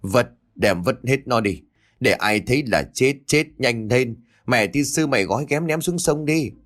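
A man voicing a furious old village matriarch, hurling curses in a fast tirade. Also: lively intonation, natural voice. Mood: panicked. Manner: shrill cursing tirade.

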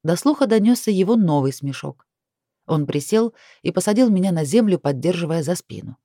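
Woman narrating an audiobook, mellow warm voice, dry close recording. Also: fairly low pitch, lively intonation, brisk, no echo. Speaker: audiobook reader. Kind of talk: scripted first-person narration.

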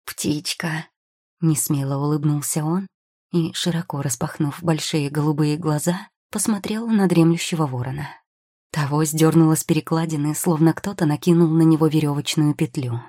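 Low, husky woman narrating a story. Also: steady tone, normal speed, warm tone, no echo, clean studio sound. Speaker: audiobook narrator. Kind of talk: scripted narration.

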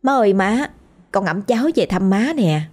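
A woman's voice: medium pitch, lively intonation, normal speed, darkish tone, close to an everyday voice. A woman voicing a grieving drowned ghost woman, a young mother, pleading tearfully. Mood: sorrowful pleading.

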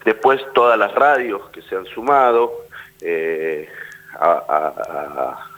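Heard on a low-quality recording, a man with an Argentine accent talks slowly in a deep yet fairly bright voice. Being interviewed on the radio as an actor, he speaks casually and tends to repeat words as his thoughts take shape.

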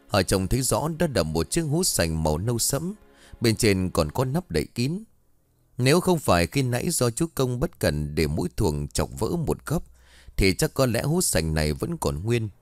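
A man narrating a ghost story in a dramatic, expressive reading style. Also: medium pitch, no echo.

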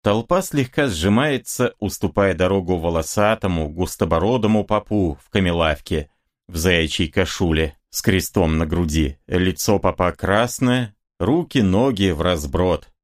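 A man with a very low, deep voice narrating an audiobook. His reading is vivid and expressive, with lively swings of pitch across his lines. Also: normal speed.

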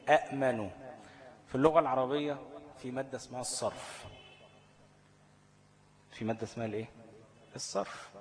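A man's voice: medium pitch, fast talker, long pauses. A man with an Egyptian Arabic accent teaching a tajweed lesson. He asks the class questions, answers them himself and repeats each rule step by step. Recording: long hall reverb.

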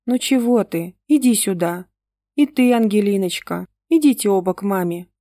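A woman reader voicing a bewildered young mother who talks in a soft, coaxing, cooing way. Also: mid-range voice, expressive, normal speed, no echo, close to an everyday voice. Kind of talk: audiobook reading.

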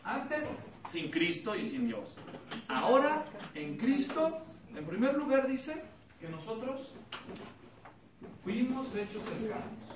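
High-voiced preacher in an echoey hall. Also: male voice, big pitch swings, takes it slowly. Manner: asks the congregation questions and repeats answers; acts out voices in his stories. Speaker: pastor teaching a Bible study. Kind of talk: expository sermon with anecdotes. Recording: echoey room, mic at a distance, noisy.

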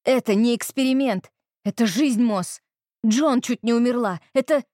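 A woman's voice: on the high side, moderate pace, no room sound, clean studio sound, voice pushed up, close to an everyday voice. A woman reading an audiobook, voicing a defiant young woman who lashes out at intruders. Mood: furious. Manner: sharp, raised, indignant.

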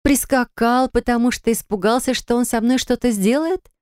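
A woman narrator voicing an indignant, stubborn young woman in an audiobook, answering in sharp, reproachful retorts. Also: on the high side, moderate pace, clean tone, no echo, clean studio sound, pitched above the performer's own voice, lightly acted. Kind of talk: audiobook character reading.

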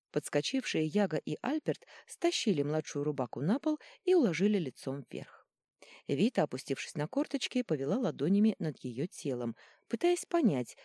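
A woman narrating a fantasy audiobook in an expressive storytelling manner. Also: low-pitched, no echo, studio quality. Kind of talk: scripted narration.

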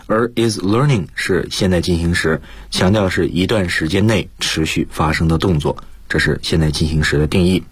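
Male radio English teacher, deep husky voice, explanatory delivery. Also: moderate pace, hardly any pauses, no room sound. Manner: explanatory, mixes English terms into Mandarin explanations. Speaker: guest lecturer, school principal. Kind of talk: explaining vocabulary and grammar on a radio lesson.

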